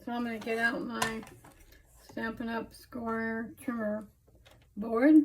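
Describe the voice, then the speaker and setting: Speaking slowly in a slightly high, completely flat tone, this woman chats through a craft tutorial in a rambling, homely manner, her toothless mouth slurring her words a bit as she recovers from speech-affecting surgery. The rough recording carries a faint hiss or hum.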